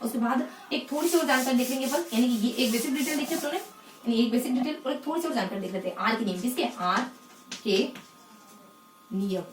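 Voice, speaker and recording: A woman teaching English phonetics in a lesson, asking the class questions and answering them herself, and repeating key words slowly. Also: a little high, roomy sound, far from the mic, slight background noise. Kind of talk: explanatory lesson in Hindi.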